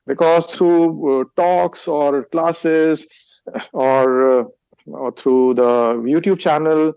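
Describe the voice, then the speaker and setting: The speaker is a guest author and meditation teacher, an Indian Hindi speaker with an Indian accent, who answers interview questions with a halting manner and many restarts and fillers. His voice is on the high side, steady, smooth and a little mellow with vocal fry, recorded with no room sound but muffled.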